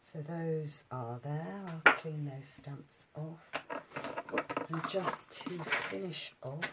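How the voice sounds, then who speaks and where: A woman demonstrating paper crafts at home, chatting in a relaxed way and thinking aloud with many ums. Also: low-pitched, very noisy. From United Kingdom. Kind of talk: casual craft tutorial.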